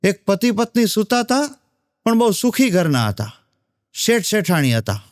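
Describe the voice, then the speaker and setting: A man's voice: sits high, sing-song, a little slow, no room sound, clean studio sound. A man telling stand-up jokes in a chatty way, with asides to the audience. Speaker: comedian.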